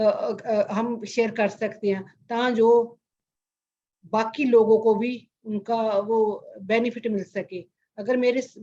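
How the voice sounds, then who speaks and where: A woman meditation teacher on an online group call, gently reassuring participants and repeating her phrases. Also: a little high, muffled recording. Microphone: video call.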